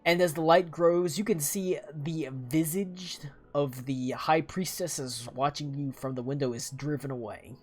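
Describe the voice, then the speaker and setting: Slow game master, call audio cutting out. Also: male voice, a little high, faint music behind. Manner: slow, halting narration with frequent uh fillers. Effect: voice dropping out over a glitchy online call. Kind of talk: narrating a tabletop game. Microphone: online voice call.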